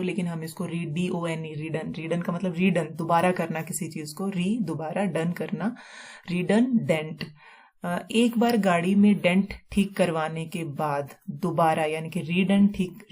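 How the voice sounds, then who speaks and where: A woman with a low, mellow voice teaches vocabulary over slides. She goes slowly, repeats each word and spells it out letter by letter. English terms run all through her explanation. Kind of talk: explaining vocabulary in a recorded lesson.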